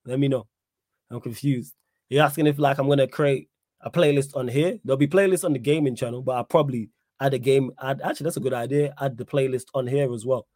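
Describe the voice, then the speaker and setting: A man's voice: medium pitch, steady tone, fast talker, darkish tone, no room sound, studio quality. A man with a London roadman accent hosting a livestream, chatting casually in slang. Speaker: livestream host.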